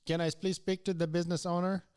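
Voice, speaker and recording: A persistent male telemarketer, as a man puts him on reads his script at a clipped, rapid pace and asks the same question over and over. His voice sits well above the performer's usual pitch. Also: little pitch movement, darkish tone, clean tone, lightly acted. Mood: insistent.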